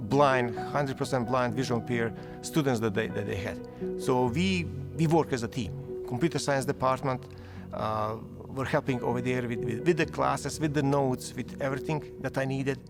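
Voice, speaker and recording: In this testimonial interview, an award winner in his fifties from Bosnia speaks English with his native accent. His pitch is medium, and he stalls and repeats himself as he searches for the right words, over a bed of background music.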